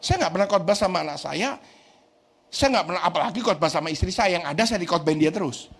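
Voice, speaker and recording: A man's voice: high voice, lively intonation, fast, husky. A middle-aged man preaching as pastor in a chatty, joking sermon. He keeps asking the congregation "right?" and drops English phrases into his talk.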